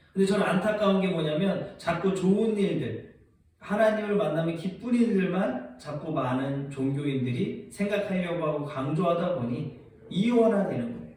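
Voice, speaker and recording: A man's voice: fairly high pitch, darkish tone. A man preaching a sermon, often putting rhetorical questions to his listeners. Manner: asks the congregation rhetorical questions. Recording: very echoey, from far off the mic.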